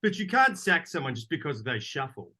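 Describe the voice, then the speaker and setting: A man plays a young male student in an audio drama, earnest and a little hesitant, now and then taking things too literally. His voice runs high and bright. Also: big pitch swings, fairly quick, heavily acted. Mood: chatty. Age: young adult.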